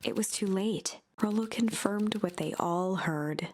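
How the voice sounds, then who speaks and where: A woman hosting a game playthrough, reading the story's narration in a steady storybook manner. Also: mid-range voice, a little slow, slight background noise. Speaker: let's play host reading the story. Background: game music.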